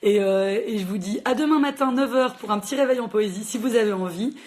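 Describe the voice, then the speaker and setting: A woman hosts a casual livestream book chat for a library. She talks fast and chattily, with lots of fillers. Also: a little high. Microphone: phone livestream.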